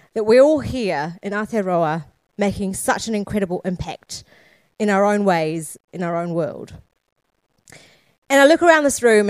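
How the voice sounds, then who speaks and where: A medium-pitched female voice, recorded with no room sound, delivers a conference keynote marked by rhetorical questions and emphatic repetition. The speaker is a founder born in Sri Lanka who was raised in Scotland and New Zealand.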